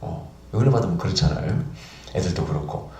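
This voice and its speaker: A man with a lowish voice preaches in a reverberant church hall. He tells his story in a conversational way and slips into the voices of the people he quotes. The sound rings around the room. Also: brisk. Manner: animated, acts out dialogue in the story. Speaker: pastor. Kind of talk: storytelling sermon.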